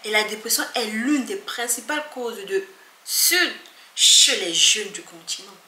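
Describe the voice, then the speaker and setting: A woman's voice: mid-range voice, expressive, measured pace. Earnest woman vlogger, echoey room. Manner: earnest, emphatic, often soft and hushed. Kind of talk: earnest talk to camera. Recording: echoey room with faint background noise.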